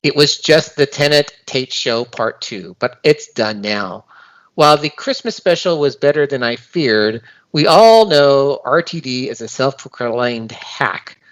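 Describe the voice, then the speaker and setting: A man's voice: mid-range voice, animated, measured pace, a bit bright, rough recording. A man co-hosting a casual podcast review, talking in a hesitant way with many fillers and restarts, and reading listener comments aloud. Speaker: podcast co-host.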